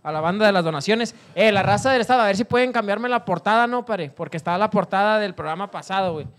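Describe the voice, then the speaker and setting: A man's voice: high voice, fast talker, fairly bright tone. A man hosting a live casual chat, teasing his guest and laughing often.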